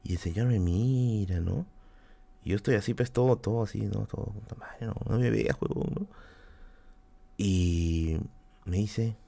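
A man's voice: on the low side, unhurried, gravelly, pauses often, warm tone. A man with a Peruvian accent from Lima, telling a casual anecdote on a live stream, slangy and full of fillers and swearing. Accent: Peruvian Spanish, Lima.

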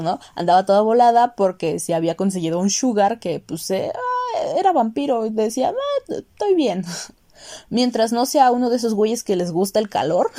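A young Mexican woman reviewing a series in a casual, animated rant, swearing and breaking into high outbursts. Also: no room sound, studio quality.

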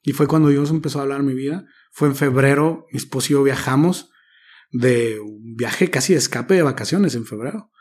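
Husky man telling his story. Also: medium pitch, fairly quick, a little mellow. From Mexico. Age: 30s. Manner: reflective, slang-sprinkled storytelling. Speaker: guest. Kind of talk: personal testimony in conversation.

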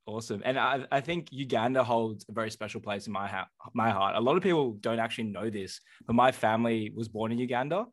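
A man's voice: mid-range voice, fast, hardly any pauses. A man co-hosting a podcast, chatting in a friendly way with some fillers as he welcomes and questions a guest. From Australia. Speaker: podcast co-host. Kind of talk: casual interview chat.

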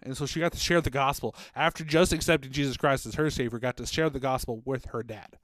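A man's voice: mid-range voice, fairly even intonation, quick pace, fairly bright tone. A man speaks in a mid-range voice, earnest and chatty as he retells a story for a faith podcast. The room sounds dry and close, with no echo. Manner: earnest, conversational, retells stories with acted quotes. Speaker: podcast co-host, former children's ministry worker.

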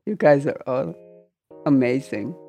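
A woman streamer chatting casually as a podcast guest, emotional and laughing, halting as she talks. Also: extremely low pitch, mellow, soft background music. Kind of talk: casual chat on a live stream.

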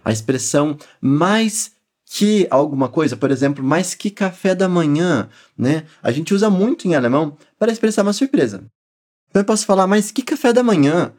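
A man with a Brazilian Portuguese accent teaches pronunciation in a lively, animated voice that swings up and down. He encourages the listener and says each word slowly for them to repeat. His voice sits a little high for a man. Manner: encouraging, models words slowly for repetition. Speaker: language teacher. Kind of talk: pronunciation lesson.

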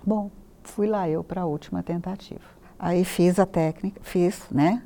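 A woman in her sixties with a Brazilian Portuguese accent, a therapist telling a personal story as a guest, animated and acting out her own past thoughts. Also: unhurried. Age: 60s. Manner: animated, acts out her own past thoughts, voice climbs high when recalling panic.

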